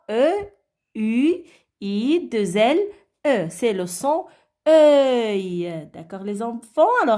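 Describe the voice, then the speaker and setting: Slow, singsong woman teaching phonics. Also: on the high side, a little mellow. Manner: slow, drawn-out word and letter pronunciation; coaxing, frequent checks like "d'accord?". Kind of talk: phonics lesson for children.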